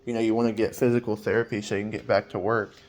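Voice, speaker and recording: A man's voice: on the low side, flat delivery, racing, a little mellow. A man in his twenties talking in a personal vlog, hesitant and rambling with many fillers, sounding weary and anxious. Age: 20s.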